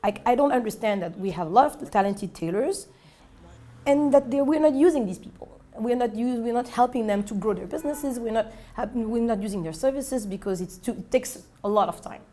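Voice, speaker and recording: With a little hiss or hum in the recording, a Senegalese woman in her twenties, an entrepreneur, gives an earnest documentary interview inside a clothing shop. She sounds expressive, somewhat high and dark-toned, talks a bit fast, and keeps restarting and self-correcting.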